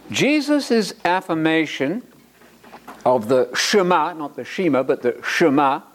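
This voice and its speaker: A man giving a lively preaching lecture, emphatic and animated, with repeated words and joking asides. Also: on the high side.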